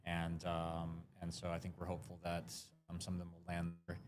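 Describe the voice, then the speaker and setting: A man answering interview questions at a conference in a relaxed, hesitant way with many ums. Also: low voice, fairly quick, music in the background. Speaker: guest, crypto marketing lead. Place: conference floor.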